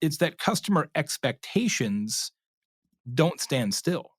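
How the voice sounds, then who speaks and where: A man with a fairly high pitch talks slowly in an echo-free, studio-quality recording. Appearing as an expert guest, he explains things conversationally, acting out pretend customer remarks with lively storytelling and frequent "right?" check-ins.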